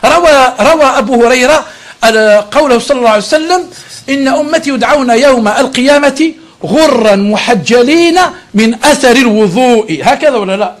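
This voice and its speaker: A man's voice: extremely high pitch, a little fast. A man with an Algerian accent teaching a religious lesson, moving between classical Arabic and dialect in a chatty way. He often checks with his listeners and corrects himself mid-phrase.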